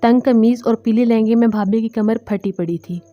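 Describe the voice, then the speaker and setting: A woman telling a first-person story in a mellow, fairly high voice at an unhurried, even pace, with soft music running faintly underneath. her tone stays warm and relaxed throughout, like someone reading aloud to an audience. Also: lo-fi sound.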